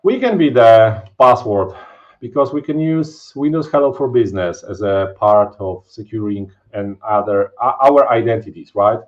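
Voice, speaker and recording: Over a webcam video call from his home office, a man in his thirties from Poland, with a Polish accent, casually explains a live technical webinar with lots of fillers and tag questions. His voice is fairly low at normal speed, and the stream audio is dull and lo-fi.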